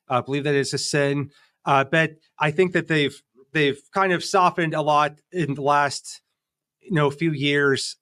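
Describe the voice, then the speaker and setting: A man's voice: medium pitch, dry recording, studio quality. Nasal-voiced man hosting a podcast. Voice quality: nasal, whiny. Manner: talks loudly. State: getting over a cold, weak voice. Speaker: podcast host. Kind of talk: casual podcast monologue.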